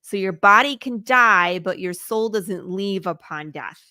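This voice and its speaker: In clean studio sound without echo, a Midwestern-accented woman from Michigan speaks in a smooth, mid-range voice that's expressive, unhurried, pushed, and bright. She's a comic creator guest in a casual interview chat, eager and laughing often.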